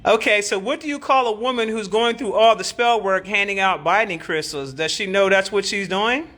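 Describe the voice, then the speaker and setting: A brash woman chatting live with her viewers as a spiritual teacher, swearing and clowning. Her voice is bright and sharp, with a tense edge. She tends to repeat a line several times before moving on. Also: mid-range voice, normal speed. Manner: profane, joking and animated, repeats phrases, laughs often. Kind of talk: casual livestream talk answering comments.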